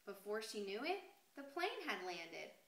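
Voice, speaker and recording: A woman teacher reading a picture book aloud to young children in an expressive, deliberate storytelling way, pausing to address the class. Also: mid-range voice. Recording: echoey room with noticeable background noise.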